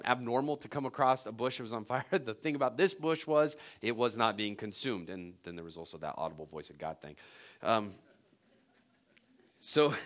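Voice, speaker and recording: A male preacher telling a Bible story in a sermon, animated and joking. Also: mid-range voice. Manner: animated storytelling with jokes and laughs.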